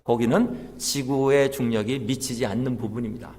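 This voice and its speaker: A man's voice: mid-range voice, steady tone, moderate pace, a little mellow. A man, a pastor, preaching a sermon in a church, telling stories with emphatic build-ups. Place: church sanctuary. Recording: long church hall reverb.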